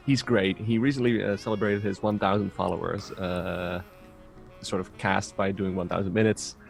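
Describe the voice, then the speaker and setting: A man's voice: low voice, steady tone, moderate pace, creaky, faint music behind. A man streamer on a podcast, recommending a friend in a hesitant way with many fillers. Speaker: streamer and caster. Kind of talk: casual podcast chat.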